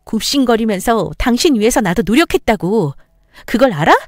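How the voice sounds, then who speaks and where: A woman's voice: on the high side, animated, normal speed, no echo, studio quality, lightly acted. A woman playing a betrayed, furious wife. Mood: indignant. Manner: shouting, cutting retorts. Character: betrayed furious young wife, sharp-tongued. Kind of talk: story radio voice acting.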